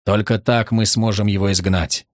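A man voicing a fanatical woman who speaks in a hollow, quiet way, in a dry audiobook recording. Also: on the low side, fairly even intonation, moderate pace, dry recording, lightly acted. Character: coldly fanatical woman with a torch.

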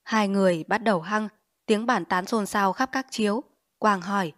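A woman narrating a dramatized novel reading, acting out each character in a lively way. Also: mid-range voice, normal speed, no room sound, clean studio sound. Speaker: audiobook narrator.

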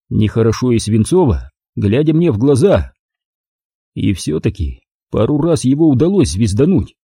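Male audiobook reader; wry, lively first-person delivery, mellow and husky. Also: mid-range voice, no echo, clean studio sound. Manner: wry, animated storytelling. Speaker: audiobook narrator. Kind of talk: scripted first-person narration.

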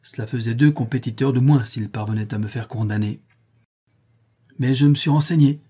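A man's voice: mid-range voice, normal speed, mellow, breathy edge, natural voice. A man voicing a greedy, scheming male meat-packer with an insistent, sneering manner, read aloud from a story.

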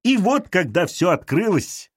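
A man's voice: sits high, big pitch swings, unhurried, breathy edge, no echo, clean studio sound, voice pushed up, exaggerated voice. A man reading an audiobook voices a bossy, scornful little older woman who lectures sharply.

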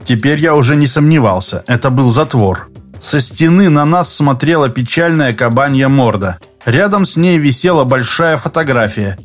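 A man reading a science-fiction novel aloud in steady, scripted first-person narration. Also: medium pitch, normal speed, faint music behind. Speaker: audiobook narrator.

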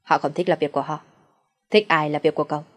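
A woman voicing a calm young gentleman who answers curtly and drily. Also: low voice, fast talker. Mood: calm dry. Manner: curt, dry.

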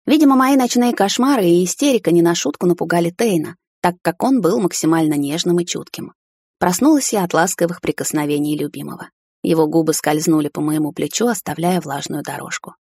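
Breathy low-voiced woman narrating. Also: brisk, darkish tone, no echo, clean studio sound. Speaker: audiobook narrator. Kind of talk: first-person romance audiobook narration.

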